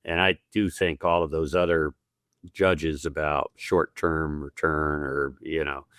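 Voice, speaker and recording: Deep-voiced man hosting a podcast. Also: level tone, unhurried, a bit bright, dry recording, studio quality. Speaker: podcast host. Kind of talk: conversational podcast interview.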